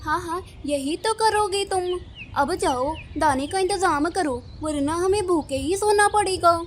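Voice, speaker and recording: A woman plays a grumpy crow wife in a cartoon, forever scolding and complaining. The voice is very high, with faint noise behind it. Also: a little slow.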